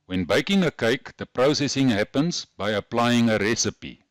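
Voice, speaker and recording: This tutorial host, speaking with a broad Afrikaans South African accent, walks through a scripted programming lesson step by step in a careful, instructional way. He has a medium-pitched voice with lively intonation at a normal speed, and the recording is dry, with no room sound.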